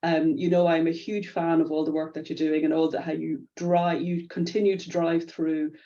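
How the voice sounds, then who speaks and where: A woman's voice: low voice, little pitch movement, moderate pace, mellow, dull audio. A woman hosting a webinar, effusive and thankful toward her guest. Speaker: webinar host.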